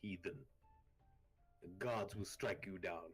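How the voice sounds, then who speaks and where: Man putting on a pompous deep temple guardian. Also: takes it slowly, breathy edge, soft background music, exaggerated voice. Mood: haughty, indignant. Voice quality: deep bass. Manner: pompous, grandiose challenge. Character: haughty deep-voiced temple guardian, self-styled child of the moon. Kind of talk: tabletop role-play.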